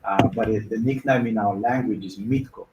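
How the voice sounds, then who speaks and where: Originally from Bulgaria, this man fields viewer questions on a car dealer's Q&A, offering casual advice step by step with fillers in a conversational manner. His low-side voice is a little mellow, fairly even in intonation and moderate in pace. Expect a little hiss or hum, a roomy echo and faint ambience.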